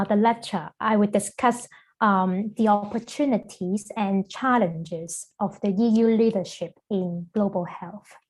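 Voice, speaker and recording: A middle-aged woman from Hong Kong, a guest lecturer, giving an online lecture over a video call in a measured way with frequent fillers. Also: on the high side, mellow.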